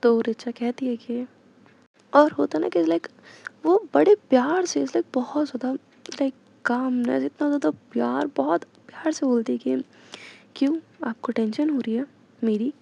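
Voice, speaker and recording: A woman's voice: sits high, a little slow, creaky, warm tone. A young woman casually retelling an audio story, chatty and full of fillers, in a dull lo-fi recording.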